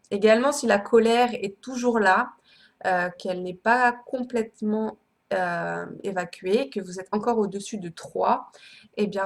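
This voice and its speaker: A woman coach and psychologist guiding an emotional tapping session, with frequent hesitations and affirmations repeated in a steady rhythm. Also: medium pitch, vocal fry. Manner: hesitant, many fillers. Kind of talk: guided EFT tapping session.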